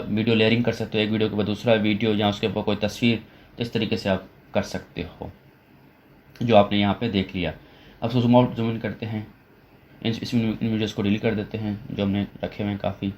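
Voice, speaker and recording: A man walks through a software tutorial one step at a time, restarting his sentences now and then as he works at the computer. His voice sits fairly low, and the recording has a dull, lo-fi sound with muffled highs. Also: flat delivery, a little hiss or hum. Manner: step-by-step explaining with frequent fillers and restarts.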